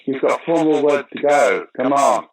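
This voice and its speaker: Speaking at a moderate pace with a medium pitch and a breathy edge, a UK actor and director in his sixties is interviewed informally about his career. His storytelling is animated, with frequent restarts and impressions of the people he quotes. Audio quality is poor.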